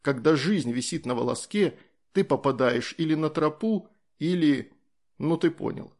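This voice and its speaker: A man voicing a calm, easygoing soldier in an audiobook, explaining things in a matter-of-fact way. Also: on the high side, unhurried.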